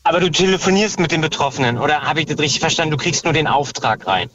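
A man's voice: fairly high pitch, expressive, fast, a bit bright, a little hiss or hum. A man from Berlin calling in from a car with friends, cheeky and joking as he guesses. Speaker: caller. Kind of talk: call-in guessing game. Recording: muffled phone line from a car.

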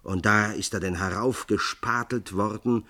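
A man's voice: fairly low pitch, fairly even intonation, measured pace, sharp tone. A man reading a storybook, voicing an eager, talkative female farm maid. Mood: musing.

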